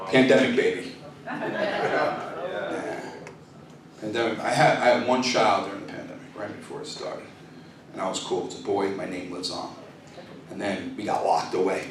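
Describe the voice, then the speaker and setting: A man in his thirties doing a profane stand-up comedy set, working the crowd in a comedy club. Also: on the low side. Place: comedy club stage with laughing audience. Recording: echoey club, distant mic, crowd laughter.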